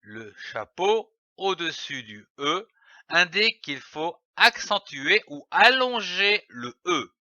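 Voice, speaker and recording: A man teaching a reading lesson for young children, spelling out letters and syllables slowly and deliberately. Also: high voice, very animated, bright, forceful tone, dry recording. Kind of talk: slow, carefully articulated phonics lesson. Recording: dry, dull lo-fi voice-over.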